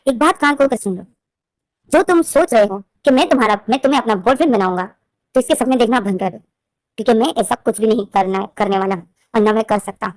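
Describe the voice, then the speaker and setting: A woman's voice: on the high side, fast talker, a little mellow, dry recording, lightly acted. A woman doing a snappy irritated young man. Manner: snappy and annoyed. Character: irritated, proud young man rebuffing advances.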